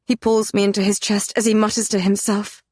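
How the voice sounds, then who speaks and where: A woman's voice: mid-range voice, flat delivery, a little fast, a little mellow, no echo, clean studio sound. A woman narrating a first-person fantasy romance audiobook with an intense, dramatic delivery.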